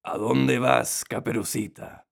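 A man voicing a cunning big male wolf with a rough, hoarse voice, talking slowly and coaxingly. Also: medium pitch, steady tone. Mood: sly. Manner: slow, sly, coaxing.

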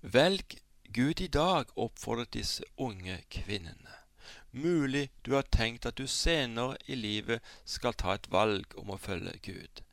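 A man's voice: medium pitch, expressive, a bit bright, no room sound, studio quality. A man, preaching and praying earnestly on a radio program. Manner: earnest, pleading prayer voice. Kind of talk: radio sermon and prayer.

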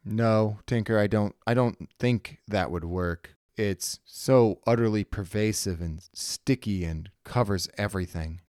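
Give me a stranded starship captain, as a man plays him, tense and weary with a clipped, commanding delivery. The voice is clear and resonant, recorded dry and close. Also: on the low side, measured pace, few pauses, darkish tone, dry recording, natural voice.

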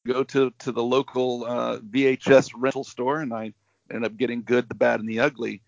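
A middle-aged man speaks as an interview guest over a video call, his voice coming through dull and lo-fi with no room sound at all. He talks at a moderate pitch and tells his stories in an enthusiastic, rambling way. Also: level tone, moderate pace, creaky, no echo. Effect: heard over a video call, connection breaking up. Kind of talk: casual interview.

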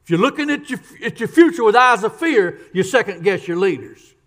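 A man's voice: high voice, animated, fairly quick, a bit bright. A man preaching a sermon as pastor, emphatic, repeating key lines and questioning the congregation.

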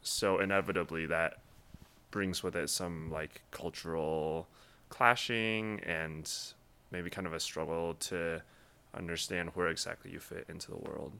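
A young man from Taiwan, a guest in a casual interview, answering in a thoughtful, measured way with frequent pauses. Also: low-pitched, creaky, sharp tone, clean tone. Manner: thoughtful, measured, many ums.

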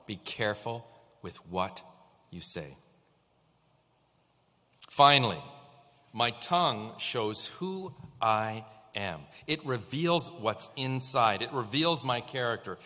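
A male pastor delivers a sermon in a lively, sharply bright voice. He swings his pitch widely and keeps putting questions to the congregation. The sound rings out with a long church-hall reverb. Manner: animated preaching with rhetorical questions to the congregation. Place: church sanctuary.

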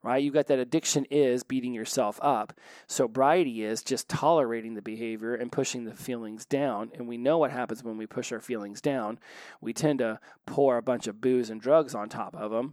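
A man talks into a close studio mic for his own podcast, fast and excitable and always catching himself. His middle-pitched voice sounds dry and close, with no room behind it. He is tired late at night, yet keeps a lively, rambling energy. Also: no room sound. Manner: fast, excitable, self-interrupting with fillers. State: tired, up late past midnight. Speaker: podcast host. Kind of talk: solo podcast monologue on recovery. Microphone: studio microphone.

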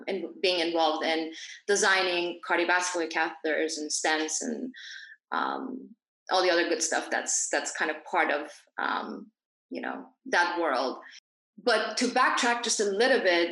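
Born in Iran and raised in Dubai, a woman who is a naturopathic doctor speaks as a podcast guest in a fairly low, sharp-toned voice. She is reflective and halting, pausing frequently and correcting or rephrasing herself often. The room she's recorded in is echoey.

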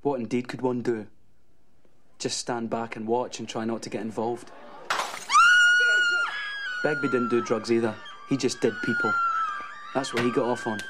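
A man's voice: mid-range voice, huge pitch swings, moderate pace, pauses often. An actor playing a cynical young Scottish man who narrates a film in voice-over with dry, sardonic wit. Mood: wry. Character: wry, cynical young narrator among his mates. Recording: clear background noise.

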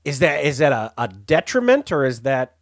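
A male podcast host asking casual interview questions, halting and restarting as he goes. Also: mid-range voice, sing-song.

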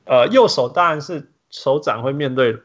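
A man hosting a relaxed podcast conversation, hopping between Mandarin and English with lively energy. His voice sits at a middle pitch. The recording sounds dull and a bit lo-fi. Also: normal speed. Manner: code-switching between Mandarin and English, animated. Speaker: podcast host. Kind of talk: casual chat.

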